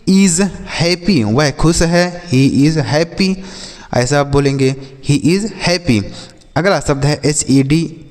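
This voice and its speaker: Slow-speaking Indian man teaching English. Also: a little high, big-room sound. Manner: spells words letter by letter, then repeats example sentences very slowly. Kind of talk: slow spoken-English lesson.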